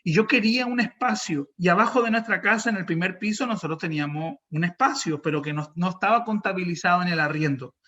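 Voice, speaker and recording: Speaking fast and barely pausing, this young man pitches his voice high as he delivers a sermon in a Chilean Spanish accent. He's a pastor recounting something from his own life, acting out each exchange with lively energy, all on lo-fi sound.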